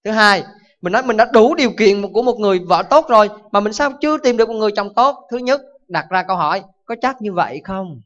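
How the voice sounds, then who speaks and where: Lively monk preaching. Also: male voice, high voice, quick pace. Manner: animated storytelling, rhetorical questions to the audience. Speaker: Buddhist monk. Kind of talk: dharma talk. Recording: dull lo-fi recording.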